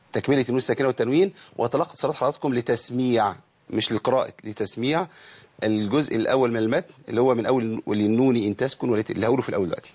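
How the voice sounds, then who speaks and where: A man with an Egyptian accent teaching Quranic recitation rules, explaining casually and chanting verse text slowly. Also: mid-range voice, a little mellow, slightly rough. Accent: Egyptian Arabic. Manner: switches between colloquial explanation and slow melodic chanting.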